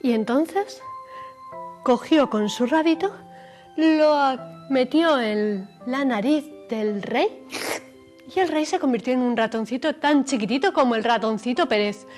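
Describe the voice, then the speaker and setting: A woman telling a children's story on television, animated and expressive. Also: high voice, a little slow. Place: television studio. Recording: faint music behind.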